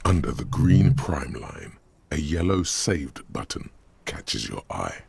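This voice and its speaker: A video game in the second person, in an extremely deep, gravelly and husky voice. His delivery is slow, measured and ominous. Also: very animated, darkish tone, heavily acted. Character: gravelly omniscient male game narrator. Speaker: narrator.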